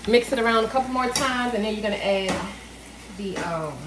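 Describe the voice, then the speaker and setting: A woman's voice: on the high side, fairly quick. A woman in her thirties talking casually through a home cooking session, thinking aloud with fillers. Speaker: cooking vlogger. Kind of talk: casual cook-along narration. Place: home kitchen, indoors. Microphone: camera on the counter. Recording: echoey kitchen with frying noise. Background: food sizzling in a pan.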